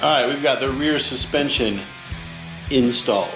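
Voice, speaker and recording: A man's voice: medium pitch, normal speed, loud music behind the voice, poor audio. A man giving casual how-to narration as he works, with a tongue-in-cheek, wry way of talking. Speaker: host of a DIY motorcycle garage video.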